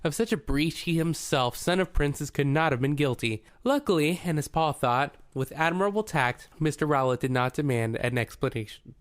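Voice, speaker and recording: A man narrating a novel in a measured, even storytelling manner. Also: fairly high pitch, dry recording, studio quality. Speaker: audiobook narrator. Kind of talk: scripted narration.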